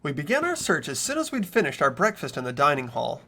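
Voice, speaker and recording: Talking fast with wildly swooping pitch, this young man has a fairly high, fairly bright voice. As host and lead reader of a game playthrough, he reads the narration aloud and mixes in loose chatter.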